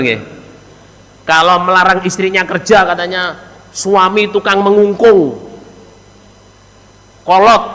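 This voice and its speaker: A man's voice: pushed and bright, in a large hall, low-quality recording. A man preaching to a congregation with a Javanese accent, telling stories in a folksy way and acting out the people in them. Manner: folksy, acts out quoted characters with shifting pitch. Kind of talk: sermon storytelling.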